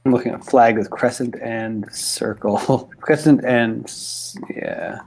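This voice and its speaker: Role: game master. Sex: male. Style: casual chat and game narration. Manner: quick and halting, full of restarts. Mic: video call from home. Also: mid-range voice, fairly even intonation, vocal fry, a little mellow. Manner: quick, halting talk with many restarts and fillers. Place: home in Halifax.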